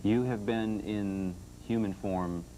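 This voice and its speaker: A man working as a television interviewer, asking questions calmly. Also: lowish voice, takes it slowly. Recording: noisy old TV broadcast.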